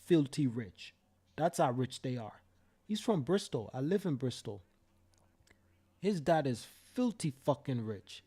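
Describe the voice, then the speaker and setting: A young Jamaican man hosts a live stream, delivering heated commentary as a fiery, profane rant and repeating himself for emphasis. His mid-range voice is mellow and slightly rough, swinging widely in pitch at a measured pace with long pauses.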